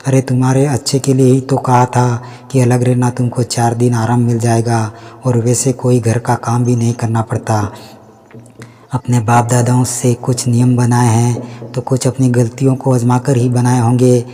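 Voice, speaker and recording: A man voicing a stern, traditional mother-in-law in a storybook reading, scolding in a flat, level way. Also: medium pitch, normal speed, long reverb tail, natural voice.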